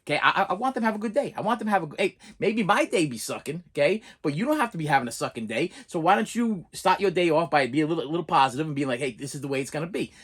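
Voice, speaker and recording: Boston-accented man ranting, slightly high-pitched. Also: expressive, a bit bright, breathy edge. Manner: halting and emphatic, repeating words and phrases, often checking with "okay?". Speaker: vlogger. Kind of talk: casual spoken rant to camera.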